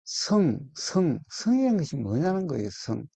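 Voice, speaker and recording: A man giving a Buddhist dharma talk, slow and deliberate, repeating key words and quizzing his listeners. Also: fairly high pitch, sing-song, gravelly, mellow, breathy edge, no echo. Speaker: Buddhist meditation teacher. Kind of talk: dharma talk to a small group.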